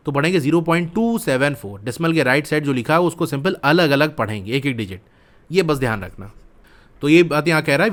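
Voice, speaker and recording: A man's voice: a little high, fairly bright tone. A man teaching a school maths lesson, explaining step by step and asking questions he then answers himself.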